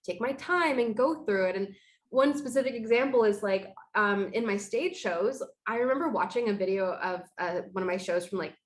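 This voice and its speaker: A woman's voice: medium pitch, normal speed. A woman in casual podcast conversation, talking in an earnest, reflective, chatty way.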